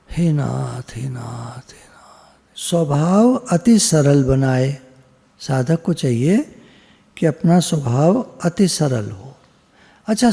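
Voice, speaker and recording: A man's voice: on the high side, gravelly, warm tone, slightly rough, long reverb tail. A man giving a plain, practical devotional discourse in a conversational teaching manner. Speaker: spiritual teacher.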